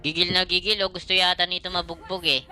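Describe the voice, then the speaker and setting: A woman streamer giving excitable, foul-mouthed live commentary on her own gameplay, trash-talking her opponents. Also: on the low side, quick pace, faint music behind. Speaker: gaming streamer.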